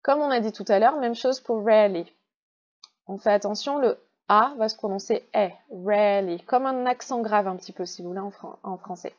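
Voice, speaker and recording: A woman with a French accent teaching English in a recorded online class, patiently explaining step by step and slowing down to model pronunciation. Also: medium pitch, lo-fi sound.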